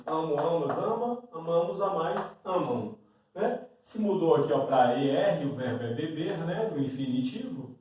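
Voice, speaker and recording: A high, darkish male voice with a Brazilian Portuguese accent teaches a grammar lesson at a board in a classroom, often adding a questioning "né?". The recording comes from a distant mic in a very echoey room.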